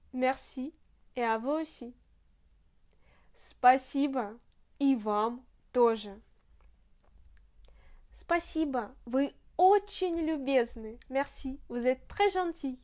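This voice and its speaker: A woman with a Russian accent, a native Russian speaker teaching a language lesson, slow and careful, repeating each phrase with frequent hesitations. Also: sits high, a little mellow.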